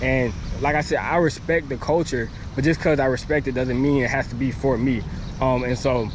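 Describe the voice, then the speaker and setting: Talking casually to camera outdoors by a construction site, this travel vlogger is losing his voice and chats in a rambling way packed with fillers. He has a mid-range voice, steady tone, and normal speed. Traffic and city street sounds fill the noisy background.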